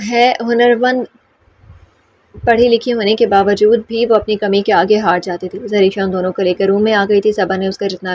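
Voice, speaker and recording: A woman reading a romance novel aloud as audiobook narrator, in steady storytelling. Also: medium pitch, highs cut off.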